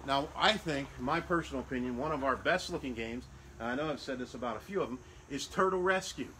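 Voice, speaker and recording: A salesman for a game rental company walks around casually showing off party games at a sales showcase, repeating prices and restarting phrases as he goes. His voice is medium-pitched, fast, pushed and bright, with slight background noise.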